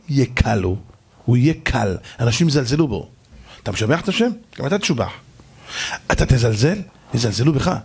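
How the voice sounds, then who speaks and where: Animated man preaching a sermon. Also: a little high, slightly rough. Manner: animated storytelling, addressing the audience directly. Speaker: rabbi.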